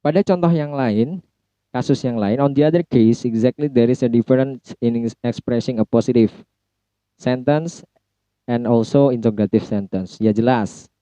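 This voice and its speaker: A man with an Indonesian accent giving a recorded phonology lecture, pausing to say example sentences slowly and clearly. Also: mid-range voice, warm tone, no room sound, dull audio. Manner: mixes explanation with slow drawn-out example sentences.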